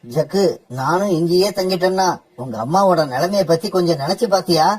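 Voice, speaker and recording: A voice actor playing a gentle, worried father bird in a cartoon, speaking softly to his wife and children. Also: mid-range voice, brisk, breathy edge, lightly acted.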